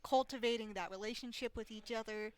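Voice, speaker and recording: A woman's voice: fairly high pitch, steady tone, brisk. A young woman co-casting a college esports match in casual chat, making brief matter-of-fact remarks. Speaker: esports caster. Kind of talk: casual live commentary chat.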